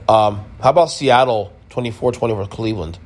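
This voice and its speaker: A man's voice: fairly low pitch, fast, darkish tone, faint music behind. A man hosting a sports podcast, giving a casual, emphatic recap with blunt opinions and repeated points. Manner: emphatic, opinionated, repeats himself, mild swearing.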